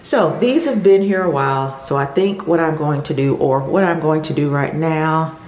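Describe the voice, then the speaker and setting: A woman's voice: low-pitched, normal speed, a little mellow, slight background noise. An American woman chatting casually to her viewers as a home renovation vlogger, with an enthusiastic, direct manner. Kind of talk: casual vlog chat to viewers.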